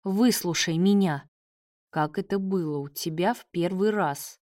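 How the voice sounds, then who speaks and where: Female reader as a pleading young man; low-pitched, unhurried, dry studio sound. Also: a little mellow, no room sound, lightly acted. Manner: urgent, pleading.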